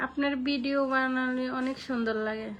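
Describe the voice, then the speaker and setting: A woman's voice: high-pitched, steady tone, normal speed, a bit bright. A young woman with a Noakhali Bengali accent, hosting a casual live stream and chatting through viewers' comments, thanking people by name. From Noakhali, Bangladesh.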